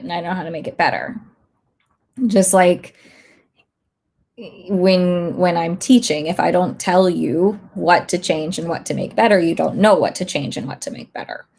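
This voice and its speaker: A woman instructor casually chatting on a livestream, a bit hoarse as she loses her voice, thinking aloud with lots of fillers. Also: lowish voice, darkish tone. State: slightly hoarse, losing her voice. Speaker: online instructor.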